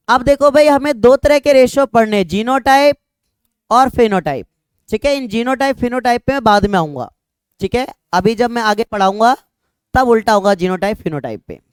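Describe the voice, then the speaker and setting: A man's voice: high voice, clean tone, no room sound. A young man teaching a classroom of students, talking casually, joking with them and checking often that they follow. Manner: conversational, repeats "ठीक है" often, jokes with students. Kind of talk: classroom lecture.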